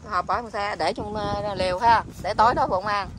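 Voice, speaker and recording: A woman's voice: mid-range voice, fairly even intonation, moderate pace, fairly bright tone, a little hiss or hum. A woman chatting outdoors at a tent camp, teasing and laughing often as she hands out food. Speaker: vlogger handing out food. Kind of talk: casual outdoor chat.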